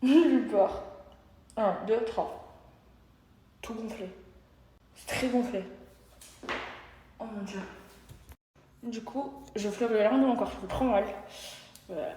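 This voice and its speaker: A woman's voice: on the high side, slow, pauses often, dark tone. A young woman vlogging casually at home into a phone, dramatic and exclaiming. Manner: dramatic, exclaiming, baby talk to her dogs. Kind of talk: casual vlog chat. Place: home, indoors. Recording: echoey room, faint noise.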